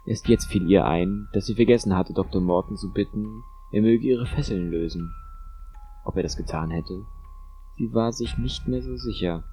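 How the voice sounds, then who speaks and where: Deep husky male audiobook narrator. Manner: steady, measured storytelling.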